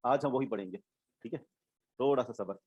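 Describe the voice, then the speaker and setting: A man's voice: medium pitch, brisk, a little mellow, breathy edge, no echo, highs cut off. A male Islamic studies teacher giving an online class lecture, explaining terms step by step, repeating them and checking that students follow.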